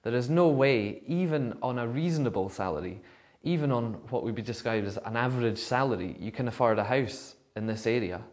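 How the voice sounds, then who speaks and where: A man's voice: mid-range voice, fairly quick. A man giving considered, thoughtful answers as an interviewee. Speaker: vox pop interviewee.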